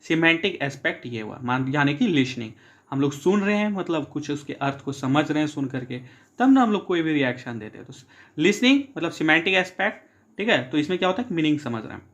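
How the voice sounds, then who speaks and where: A male teacher giving an exam-prep lecture, reading English points slowly and then explaining them with frequent checks with his students. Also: a little high, very animated, fairly bright tone, highs cut off.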